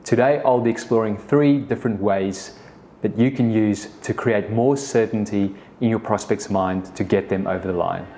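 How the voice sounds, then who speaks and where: Over slight background noise, a mellow, lowish male voice talks at normal speed. The speaker, a business co-founder in his thirties from South Africa whose mother tongue is Afrikaans, hosts a casual solo podcast and meanders through a story, often restarting and leaning on "the thing is."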